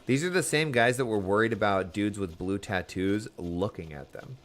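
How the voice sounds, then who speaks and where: A man's voice: on the low side, moderate pace, a bit bright. A man giving casual live commentary as a game streamer, chatty and wry.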